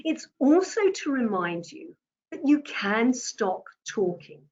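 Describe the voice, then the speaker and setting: A woman teaching presentation skills as a communication coach, deliberate and emphatic, stressing words differently to make her points. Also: a little high, big pitch swings, a little mellow, lo-fi sound.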